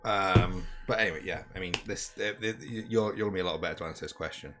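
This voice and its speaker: A man's voice: low voice, quick pace, very noisy. A man co-hosting a live stream who reads out viewer questions and jokes about himself in casual chat. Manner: self-deprecating, laughs at himself.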